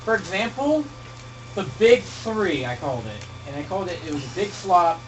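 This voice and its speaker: Animated, profane talk-show host. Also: male voice, high voice, normal speed, a little hiss or hum. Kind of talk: casual radio show banter. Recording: distant mic with loud music.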